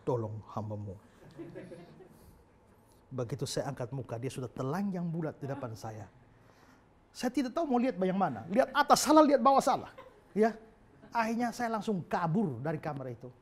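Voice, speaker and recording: A man's voice: a little high, a little hiss or hum. A male pastor preaching a sermon in a humorous storytelling manner.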